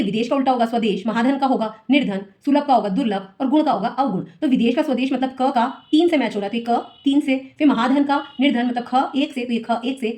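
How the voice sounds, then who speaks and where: A woman teacher solving an exam paper for students, reading each question and then explaining the answer patiently. Her voice sits a little high. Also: darkish tone.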